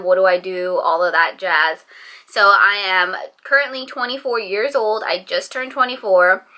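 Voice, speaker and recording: A woman's voice: medium pitch, sharp tone. A woman in her twenties from the San Francisco Bay Area, chatting casually to camera as a vlogger, rambling with lots of fillers. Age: 20s.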